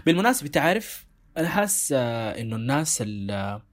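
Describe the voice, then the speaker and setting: A Sudanese man talks quickly through a casual discussion as a co-host. He thinks aloud, reflective, and keeps steering himself back to his point. His pitch sits in a middle range for a man. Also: sing-song. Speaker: show co-host.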